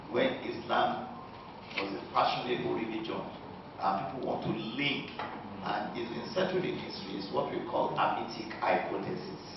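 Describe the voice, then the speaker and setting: A man's voice: mid-range voice, vocal fry. A man giving a lecture, answering audience questions and stressing his points one after another. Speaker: guest lecturer. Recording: echoey hall, distant lo-fi mic with noise.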